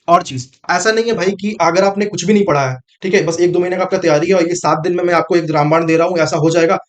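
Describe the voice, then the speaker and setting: A man coaching students on exam strategy in a casual, direct way, repeating his points and calling the listener brother. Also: high voice. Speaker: exam prep mentor. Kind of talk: casual coaching talk to camera.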